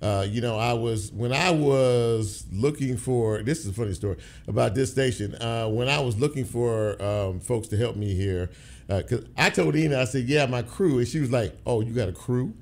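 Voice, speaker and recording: A man's voice: mid-range voice, normal speed. A middle-aged man hosting a radio show in a studio, talking casually and rambling with repeated words.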